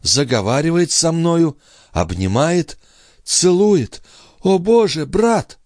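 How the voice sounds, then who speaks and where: Audiobook: man voicing a high, breathless young noblewoman in a trance, pleading, dry close mic. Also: lively intonation, takes it slowly, a little mellow, no room sound. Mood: anguished. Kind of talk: audiobook reading.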